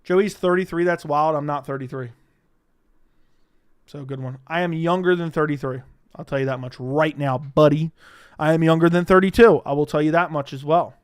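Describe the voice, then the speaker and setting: A young man with a smooth, clear voice that sits a little high for a man. He hosts a loose, rambling livestream, swears freely, and answers chat questions as they come. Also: normal speed. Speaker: livestream host.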